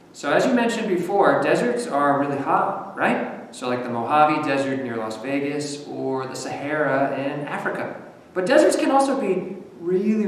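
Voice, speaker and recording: A young man from the western US leads a nature lesson for children, asking them questions in an animated, encouraging way. His voice sits a little high. He sounds far from the mic, with a long, roomy reverb and a faint background hiss. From western United States. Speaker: nature center educator. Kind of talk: virtual field trip lesson for kids. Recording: echoey, distant, long reverb.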